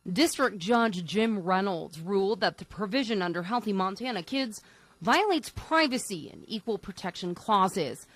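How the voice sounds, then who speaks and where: A woman TV reporter, narrating a news story in a crisp, neutral way. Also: mid-range voice, animated, normal speed, no echo.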